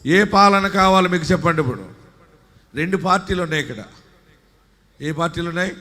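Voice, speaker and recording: A man, a pastor, preaching a live sermon, reading verses aloud and rising into shouts as he exhorts. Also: fairly high pitch, brisk. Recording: live hall with long reverb.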